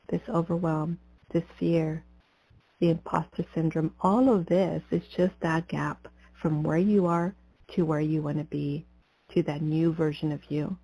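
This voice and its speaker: A woman guiding a breathing meditation as a spiritual coach, in a soothing mystical healer manner with deliberate pauses. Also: low-pitched, vocal fry, mellow, breathy edge, dry recording. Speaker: podcast host and spiritual coach. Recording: slightly dull, muffled lo-fi audio.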